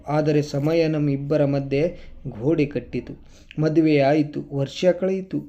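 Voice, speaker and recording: A male storyteller reading a first-person story calmly and with feeling. His voice is slightly high but very dark and mellow. The recording has a dull, muffled sound.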